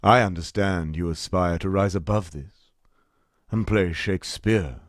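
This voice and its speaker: An actor playing a pompous, grandiose older stage actor who declaims theatrically in a comedy radio sketch. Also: male voice, low voice, measured pace, no echo, clean studio sound. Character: pompous old theatrical ham actor man.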